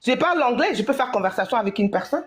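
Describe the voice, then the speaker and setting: A woman's voice: on the high side, expressive, rapid-fire. A woman from Congo-Brazzaville, talking insistently and preachily in a heated chat, repeating herself. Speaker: guest.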